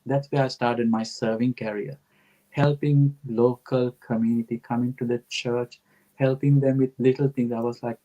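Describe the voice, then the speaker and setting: An earnest middle-aged man answers interview questions at a mid-level pitch. He talks in a reflective, storytelling way. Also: warm tone, muffled recording. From Sri Lanka. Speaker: guest.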